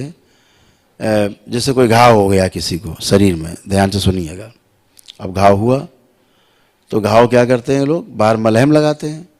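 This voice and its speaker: A man teaching devotees slowly, repeating sounds to show the right pronunciation and checking that listeners follow. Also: lowish voice, darkish tone. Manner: asks listeners "है ना" and "समझ रहे हैं आप". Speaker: spiritual teacher. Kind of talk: slow spiritual instruction to devotees.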